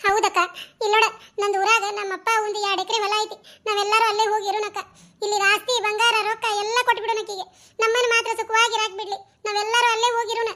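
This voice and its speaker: Female voice actor: squeaky, piercing cartoon village women, North Karnataka Kannada accent, rapid chattering delivery. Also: little pitch movement. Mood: anxious. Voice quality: very high, bright and shrill. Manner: fast, chattering village talk. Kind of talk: cartoon dialogue acting.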